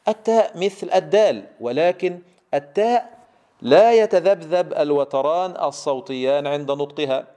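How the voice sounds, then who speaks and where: A man teaching Quran recitation. He drills letter sounds slowly and with emphasis and asks the listener to repeat after him. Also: on the high side, dark tone. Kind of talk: tajweed lesson.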